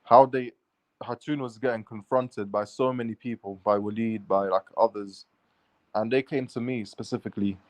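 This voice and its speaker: Fairly even in intonation and at normal speed, a man with a lowish voice recounts a run-in for his vlog audience in a dry recording. The storytelling is casual and rambling, packed with free swearing and restless run-on sentences.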